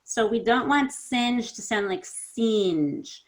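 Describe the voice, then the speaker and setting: A woman coaching pronunciation in an online lesson, correcting students and modelling sounds slowly and encouragingly. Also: medium pitch, animated. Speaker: accent coach.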